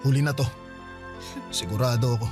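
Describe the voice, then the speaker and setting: Over music, a man voices a tired young man caught in a toxic relationship, wearily defending himself in a radio-drama argument with his girlfriend. He speaks a little fast in a mid-range, fairly even voice close to his everyday one.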